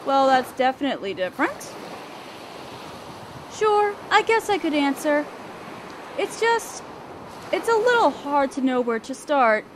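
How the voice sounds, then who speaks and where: A woman voices a young female selkie in a scripted fantasy audio drama addressed to the listener, her fairly high voice very animated. Guarded and teasing, with hesitant curiosity beneath the aloofness, she sounds musing and casual, unhurried with long pauses. Surf, waves and wind sound effects are clearly audible behind her.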